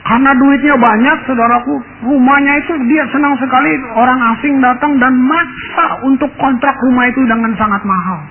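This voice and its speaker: High-voiced male pastor on a tinny line. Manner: keeps addressing the congregation as brothers and sisters. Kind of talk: storytelling sermon. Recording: tinny lo-fi radio sound, faint hiss.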